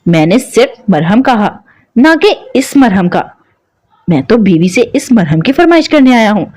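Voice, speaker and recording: A woman's voice: a little high, sing-song, a little slow. Woman reading as a teasing, persistent young husband. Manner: soft coaxing questions.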